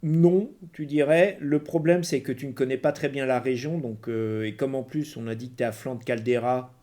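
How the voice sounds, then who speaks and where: A man with a mid-pitched voice narrates a tabletop game as game master. He improvises as he goes, hesitating and searching for words. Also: moderate pace, mellow.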